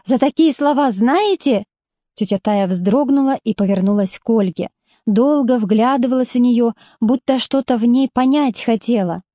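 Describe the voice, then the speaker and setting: A woman narrating a story aloud in a calm, even manner. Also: a little high, moderate pace, no room sound, clean studio sound.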